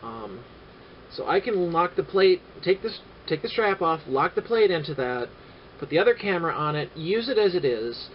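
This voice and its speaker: A man vlogging casually about his camera gear, rambling and halting with many filler sounds and dry sarcastic asides. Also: a little high, sing-song. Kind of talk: casual gear-review vlog. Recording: dull lo-fi audio with faint noise.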